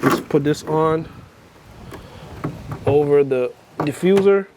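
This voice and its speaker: A man's voice: on the high side, slow pace, background noise. A man with a Crucian accent from the US Virgin Islands, rambling casually and thinking aloud as he gives commentary on his hands-on workshop build. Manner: unscripted, thinking aloud while working. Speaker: DIY vehicle builder making videos.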